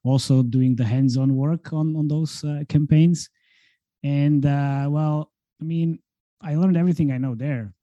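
A man from Slovakia chats easily as an interview guest, filling pauses and laughing often. His voice is very dark and mellow. The sound is dry and close, as on a video call from a room at home. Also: mid-range voice, no echo, lo-fi sound. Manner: relaxed, chatty, laughs often, many fillers. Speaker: guest, marketing consultant. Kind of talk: casual interview talk.

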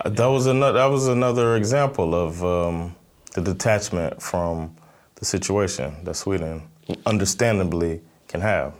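A man with a very low voice and an American accent answers interview questions. He speaks thoughtfully, pausing and restarting often as he works through his points. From Miami, Florida, USA. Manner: thoughtful, halting, many fillers and restarts. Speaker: stand-up comedian, interview guest.

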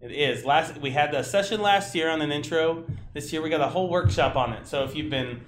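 A man's voice: a little high, fairly quick. A man co-hosting a podcast, chatting casually through news and announcements. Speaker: podcast co-host. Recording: roomy echo, clear background noise.

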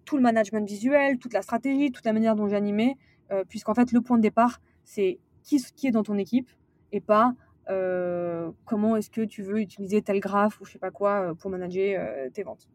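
Speaking at a medium pitch with fairly even intonation and a moderate pace, this slightly mellow woman is a podcast guest who went from sales director to manager. The casual interview about management is loose, with plenty of fillers and restarts, and the studio-quality audio has no echo.

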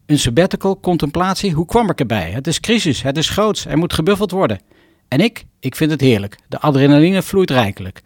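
A man's voice: on the high side, sing-song, a little fast, dry recording, clean studio sound. A middle-aged man, a doctor, reading his own story aloud in short, wry, self-mocking phrases. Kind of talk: scripted personal narration.

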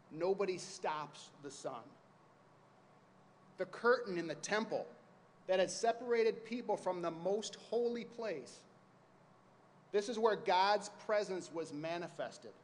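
A man preaching with passion and drama, like a lawyer giving a closing argument to a jury. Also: high-pitched. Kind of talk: sermon framed as a courtroom closing argument. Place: large reverberant room, addressing a congregation. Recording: reverberant hall with some noise.

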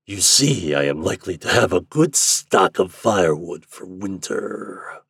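A man doing a growling, hoarse forest devil. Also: low-pitched, expressive, a bit bright, no room sound, studio quality, heavily acted. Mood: gruff menace. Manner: slow, deliberate, brooding. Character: gruff sooty forest devil, male, menacing.

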